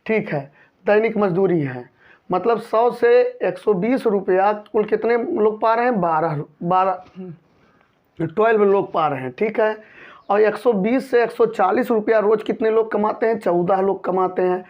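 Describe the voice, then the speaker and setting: A man's voice: high voice, measured pace. A man teaching a maths lesson, patiently going over each step and often checking in with his students. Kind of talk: maths lesson explaining a textbook problem. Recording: dull lo-fi recording.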